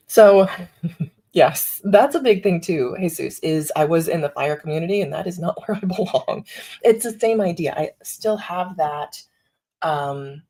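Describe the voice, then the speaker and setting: A woman's voice: deep voice, darkish tone, low-quality recording. A woman hosting a casual live stream, thinking aloud with fillers and small laughs, talking into a desktop microphone. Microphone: desktop USB microphone.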